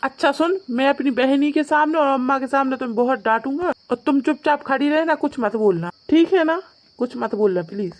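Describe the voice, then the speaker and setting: A woman's voice: high-pitched, lively intonation, fairly quick, slight background noise. A woman voicing a meek young husband in a cartoon, pleading and caught between his wife and his mother. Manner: pleading, conspiratorial. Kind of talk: cartoon voice acting.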